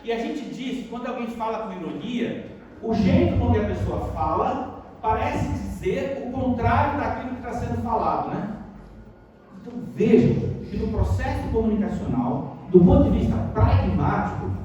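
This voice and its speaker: Man, Brazilian Portuguese accent, lecturer, high mellow voice, distant mic in a big echoing hall. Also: lively intonation, moderate pace, slight background noise. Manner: asks the audience many rhetorical questions. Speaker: university lecturer. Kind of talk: lecture workshop. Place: auditorium. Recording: echoey auditorium from far off.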